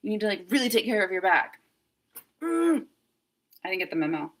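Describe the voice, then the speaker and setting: A woman's voice: mid-range voice, sing-song, brisk. A woman in her thirties chatting casually on a home livestream, self-deprecating and talkative, now and then dropping to a whisper to test her mic. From United States. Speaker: vlogger livestreaming. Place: home kitchen, indoors. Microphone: phone with clip-on mic.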